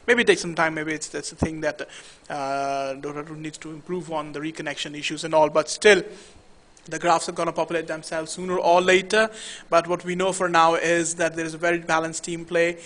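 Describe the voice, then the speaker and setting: A man's voice: a little high, little pitch movement, a little fast, fairly bright tone. A man from India casting a live esports match, chatty and stop-start with many fillers. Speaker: esports caster.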